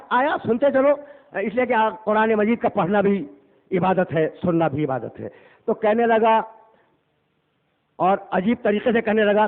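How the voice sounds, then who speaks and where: A man delivering an impassioned religious sermon in a mourning hall, swinging between loud declaiming and low murmurs and reciting scripture. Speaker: Shia cleric delivering a majlis. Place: imambargah hall. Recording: tinny phone-like lo-fi recording.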